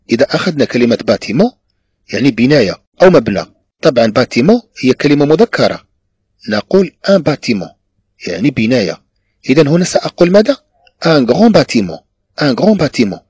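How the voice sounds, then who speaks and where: Moroccan-accented male teacher, dry close sound, animated delivery, patient repetition. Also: mid-range voice, husky, dry recording. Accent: Moroccan Arabic. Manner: repeats each phrase slowly, switching between Arabic and French. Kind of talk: classroom lesson on French dictionary use.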